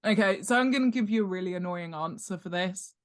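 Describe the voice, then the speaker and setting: Speaking fast at a medium pitch, a UK woman chats as an expert guest in an informal interview. She's an author and world-building expert who explains things forcefully while making light of herself.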